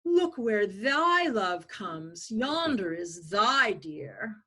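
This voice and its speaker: A woman's voice: mid-range voice, big pitch swings, extremely slow, sharp tone, slightly rough, exaggerated voice. A woman playing a proud, scornful young man in an amateur Shakespeare verse table read. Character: Demetrius, proud young male lover, scornful, forceful.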